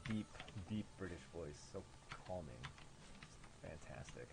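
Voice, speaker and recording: In gameplay commentary over a noisy background, a nasal-voiced Midwestern man mocks the game he built, swearing, sarcastic and hard on himself. He speaks in a deep, expressive voice without hurrying.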